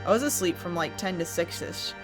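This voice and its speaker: A woman's voice: on the low side, a little fast, lightly acted. A woman voicing an anxious but laid-back female roommate in a horror story, casual and hesitant, with music behind. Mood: casual, relieved. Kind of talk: horror story character dialogue.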